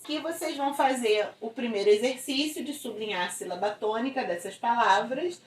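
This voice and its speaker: A woman's voice: on the high side, a little fast, a little hiss or hum. A woman teacher with a Brazilian Portuguese accent gives a recorded video lesson to schoolchildren. She explains step by step and keeps checking in with tag questions. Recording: echoey room, voice from a distance.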